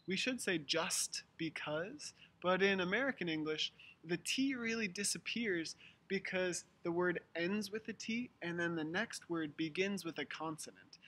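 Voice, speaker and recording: A man's voice: on the high side, sharp tone. A man teaching English pronunciation to Japanese learners, carefully sounding out single consonants with frequent "uh" fillers. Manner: slow, careful demonstrations of sounds. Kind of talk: recorded pronunciation lesson.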